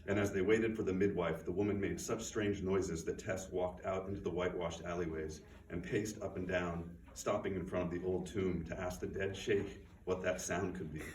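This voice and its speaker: The reading is the author's own fiction, delivered in a bookstore event room by a man whose voice is very low, quiet and measured, with a steady tone. He keeps his distance from the microphone, leaving the audio roomy and far off with faint noise.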